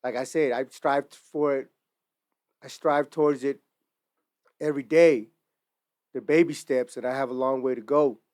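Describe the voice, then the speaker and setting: Standing indoors before a merchandise display, a Utah merch brand founder in his forties gives an earnest, reflective monologue to camera, his storytelling laced with casual slang. His smooth, clear voice sits at an ordinary middle pitch with a darkish tone, fairly even intonation, normal speed and long pauses. The sound is dry and close, without room echo.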